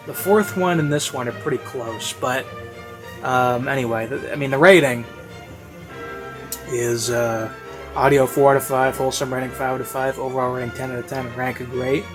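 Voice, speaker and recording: A mid-range male voice at normal speed, pausing often, delivers an unscripted, casual video review. He drifts as he talks and repeats phrases to emphasize them while baroque classical music plays behind him.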